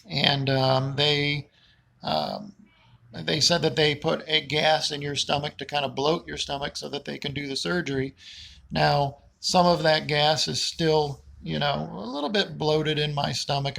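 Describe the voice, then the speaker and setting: A man with a creaky voice giving a casual, unscripted personal update in a halting, rambling, plain-spoken way. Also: fairly high pitch, a bit bright. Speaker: patient vlogger giving a recovery update.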